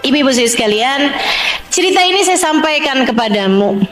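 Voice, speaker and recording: High-voiced woman preaching in an echoey hall. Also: animated, moderate pace, fairly bright tone, soft background music. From Indonesia. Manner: chatty, humorous, addresses listeners directly. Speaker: religious teacher preaching to women. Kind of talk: lively sermon to a women's gathering.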